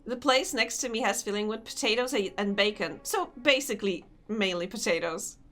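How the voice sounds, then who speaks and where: A young Polish woman games while chatting casually with her stream chat, laughing a lot and responding to comments. Her mid-range voice is fairly quick, bright and forceful, with a Polish accent.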